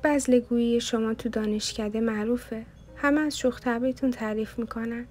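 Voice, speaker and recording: A woman's voice: fairly high pitch, steady tone, a little mellow, faint music behind, natural voice. Woman voicing a polite young female student. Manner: polite, apologetic.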